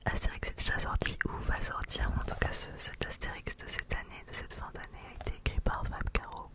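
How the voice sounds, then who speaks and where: A woman giving an informal, somewhat hesitant ASMR book review in a soft library-style whisper. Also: a little fast. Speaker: book reviewer, vlog host.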